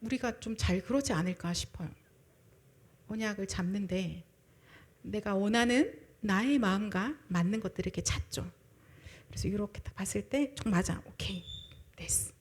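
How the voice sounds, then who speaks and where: A woman preaching a sermon at a young adults' service, shifting between loud emphasis and soft breathy asides and acting out people's words. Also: medium pitch, normal speed. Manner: acts out people's words in quoted voices.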